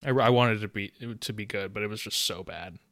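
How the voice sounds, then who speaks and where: A man's voice: on the low side, quick pace, fairly bright tone, no room sound, clean studio sound. A man hosting a podcast, chatting casually and steering the panel through segments. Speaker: podcast host. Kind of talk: casual chat and reading segment intros.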